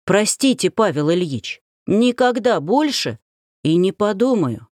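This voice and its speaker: A woman's voice: mid-range voice, sing-song, measured pace, a little mellow, no room sound, studio quality. A woman reading an audiobook, voicing a frightened young nobleman who pleads in panic with a cracking voice. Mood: panicked. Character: frightened young male dandy begging forgiveness.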